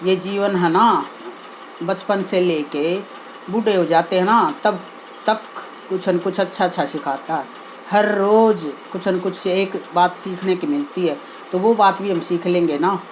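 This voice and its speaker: A woman's voice: on the low side, a little slow, a little hiss or hum, rough recording. A woman telling a homely moral story in a chatty, folksy way, often tossing in little asides to her listeners.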